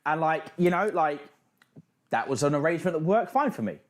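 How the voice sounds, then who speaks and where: A man's voice: fairly high pitch, sing-song, brisk. A man hosting a livestream with casual reaction commentary, speaking in a sardonic, blunt way with plenty of swearing. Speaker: livestream host.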